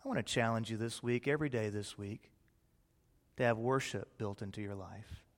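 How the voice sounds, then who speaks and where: Pastor preaching in a reverberant hall. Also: male voice, fairly low pitch, normal speed. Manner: expressive preaching, swings from loud to hushed. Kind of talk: sermon.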